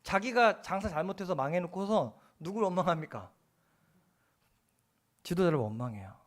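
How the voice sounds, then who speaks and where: A male pastor delivering a sermon in a church, his voice set high for a man. He acts out dialogue as he preaches and swings between hushed asides and loud, emphatic lines. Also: animated, normal speed.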